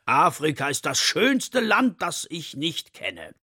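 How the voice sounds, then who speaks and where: A man voicing a gentle, wistful male elephant who speaks slowly and with longing. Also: fairly high pitch, huge pitch swings, breathy edge, dry recording, studio quality, voice pushed up, exaggerated voice. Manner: slow, longing, soft-spoken.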